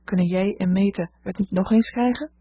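Woman reading as a worried teen girl, urgent and a bit breathy, kinda dull lo-fi sound. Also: mid-range voice, fairly quick, no echo, close to an everyday voice. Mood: earnest. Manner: urgent, self-reproaching. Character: anxious impulsive teenage girl, older sister. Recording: dull lo-fi recording.

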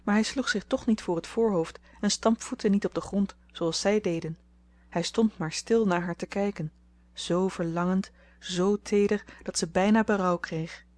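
A woman reading a novel aloud as an audiobook narrator, calm and even. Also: mid-range voice, moderate pace. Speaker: audiobook reader. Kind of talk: storybook narration.

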